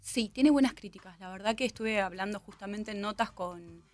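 A woman with a Buenos Aires accent, an actress being interviewed, telling stories in an animated, lively way. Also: mid-range voice, normal speed, no room sound. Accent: Buenos Aires Spanish. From Argentina. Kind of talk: casual interview chat.

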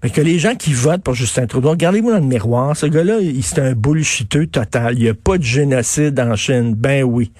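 A man's voice: medium pitch, lively intonation, fairly quick, few pauses, darkish tone, dry recording, clean studio sound. A man with a Québécois French accent hosting a talk radio show, ranting emphatically and scornfully, with mocking put-on asides. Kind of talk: opinionated talk-radio monologue.

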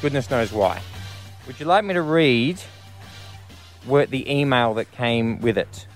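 A man's voice: medium pitch, lively intonation, a little slow, soft background music. Man, muffled behind a mask. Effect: muffled through a face mask, like a blanket over the face. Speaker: radio co-host. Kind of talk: casual radio banter.

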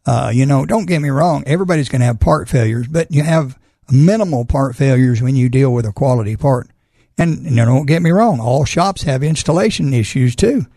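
Husky, folksy man. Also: medium pitch, lively intonation, brisk, mellow, dry recording, clean studio sound. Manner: folksy, plain-spoken. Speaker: auto repair shop owner, radio guest. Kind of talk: casual radio talk about car repair.

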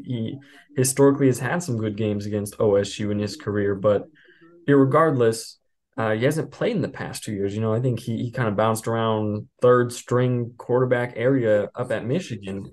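A man hosting a sports podcast as beat reporter, talking in a relaxed, rambling way with many fillers and restarts. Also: medium pitch. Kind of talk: casual sports podcast chat.

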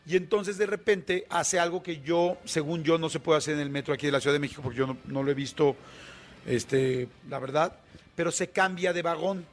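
A man's voice: fairly high pitch, a little fast. Chatty Mexican radio host man. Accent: Mexican Spanish. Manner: chatty, vivid anecdote-telling with many fillers. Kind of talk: casual on-air storytelling.

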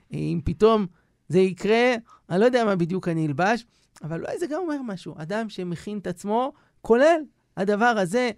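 A man who is a rabbi telling stories on a radio show, animated and acting out the scenes. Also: sits high, creaky, no echo, clean studio sound. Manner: animated storyteller, acts out scenes. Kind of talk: radio storytelling.

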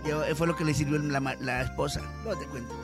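A man's voice: a little high, fairly even intonation, fast. A man with a Mexican accent and a joking, slangy manner, a regular on morning radio. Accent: Mexican Spanish. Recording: radio studio with loud music bed. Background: music.

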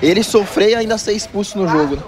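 A man's voice: high-pitched, quick pace. A man answering a street interview outdoors, earnest and firm. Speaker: passer-by interviewee. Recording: busy street crowd behind.

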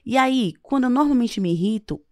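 A woman's voice: a little high, brisk, no room sound, clean studio sound. A woman, an author answering interview questions with advice and leaning hard on key words. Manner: expressive, stressing words as she explains. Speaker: author and guest.

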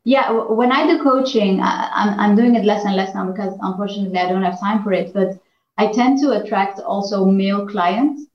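In a brisk, medium-pitched voice, a negotiation trainer and coach from Iran answers interview questions earnestly, often using fillers and restarting. The recording has an echoey, dull, lo-fi room sound.

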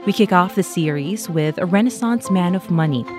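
A woman's voice: on the low side, expressive, normal speed, music in the background. A woman hosting a personal finance podcast, reading an introduction and asking questions, with short encouraging acknowledgments. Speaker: podcast host. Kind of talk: scripted introduction and interview.

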